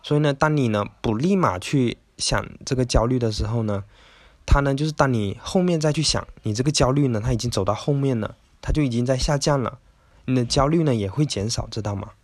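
A man's voice: medium pitch, quick pace, a little mellow, no echo. A man hosting a casual self-help talk, chatty and rambling, with lots of little filler words. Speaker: podcast host.

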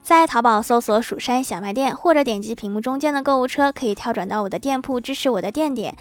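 A woman hosting a show, telling scripted jokes briskly and laughing at the punchlines. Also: on the high side, dry recording. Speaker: host. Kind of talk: scripted joke narration.

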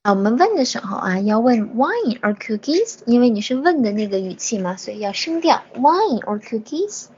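A woman teaching an online English lesson, saying each English word slowly, repeating it, and praising her learners between items. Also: medium pitch, animated, a little mellow, a little hiss or hum. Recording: dull lo-fi audio.

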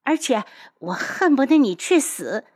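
A woman voicing a pretty, hot-tempered young man who shouts his insults in a high, agitated voice. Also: normal speed, lightly acted. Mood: furious.

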